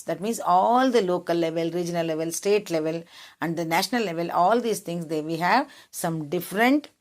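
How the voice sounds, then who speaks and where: A woman with an Indian English accent teaching a class. She reads out points and then explains them again in simple words, checking whether the class understands. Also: fairly low pitch. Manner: rephrases each point in simple words, asks if it is clear.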